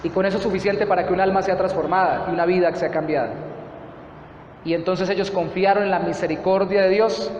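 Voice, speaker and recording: High-voiced Colombian pastor in an echoey church. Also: male voice, fairly even intonation, brisk, darkish tone, slight background noise. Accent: Colombian Spanish. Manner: earnest preaching, repeats phrases for emphasis. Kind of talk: sermon. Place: church hall. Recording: echoey church hall, slightly dull.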